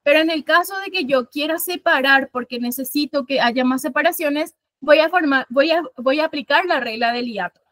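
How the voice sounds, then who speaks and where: A woman's voice: high voice, normal speed, hardly any pauses, a bit bright, dry recording. A woman from Paraguay teaching a literature class, explaining things step by step, counting syllables aloud and often correcting herself mid-sentence. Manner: frequent self-corrections and fillers. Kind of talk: online class lecture.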